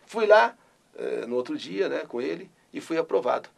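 A man's voice: on the high side, lively intonation, moderate pace, gravelly. An older man from Brazil, a radio host telling his story in an interview and bursting into his catchphrase. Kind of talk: interview recollection.

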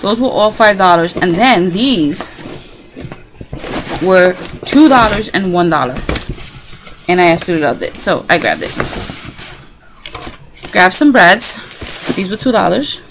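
A woman talking casually on a craft haul vlog, telling a rambling, animated story about her shopping trip. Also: lowish voice, a little slow, long pauses. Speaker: craft vlogger. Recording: clicky background noise.

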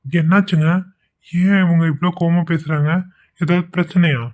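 A woman voicing a caring young husband in a cartoon, speaking softly and affectionately. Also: lowish voice, fairly even intonation, normal speed, lightly acted. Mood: puzzled. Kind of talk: cartoon voice acting.

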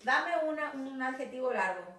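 A woman who teaches English, with a Rioplatense Spanish accent, corrects her pupils in recorded class feedback and keeps checking they've understood. Her high voice is expressive, bright, and forceful at a normal speed. She is far from the mic, off-mic in an echoey room.

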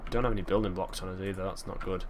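A man giving chatty, excitable gameplay commentary, thinking aloud and breaking into sudden exclamations. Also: sits low, rapid-fire, background noise. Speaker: gaming channel host.

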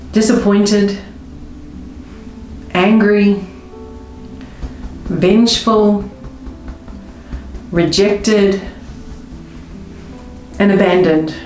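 A woman coaching viewers through a tapping session, speaking slow, emotive first-person affirmations. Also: medium pitch, darkish tone. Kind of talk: guided tapping script spoken in first person. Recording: roomy with faint music behind.

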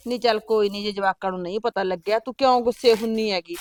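A middle-aged woman playing a patient older sister and farm-living mother who keeps calming her sibling down. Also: medium pitch, fast, no echo, natural voice. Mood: placating. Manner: soothing, placating, often asks back "huh?". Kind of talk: village family drama acting.

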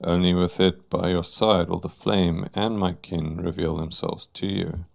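A man reading a slow grand troupe master. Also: low-pitched, little pitch movement, gravelly. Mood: grandiose. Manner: slow, stately, theatrical.

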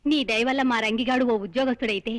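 A woman's voice: on the high side, fast talker, natural voice. An actress playing a frail, worried mother who pleads and chides in a film scene. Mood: pleading. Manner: pleading, chiding motherly talk. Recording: film soundtrack with music.

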